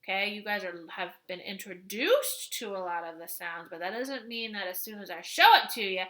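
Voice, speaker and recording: A woman's voice: medium pitch, brisk, bright, forceful tone. A woman teaching phonics to young children, patiently stretching out letter sounds as she builds words. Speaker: kindergarten teacher.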